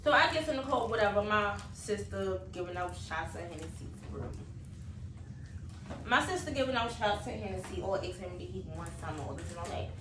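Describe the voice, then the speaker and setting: In a casual chat, a young female vlogger animatedly retells a story, quoting and performing each line of dialogue. Her pitch is medium and her pace fairly quick. The audio is noisy and roomy, captured by a distant mic.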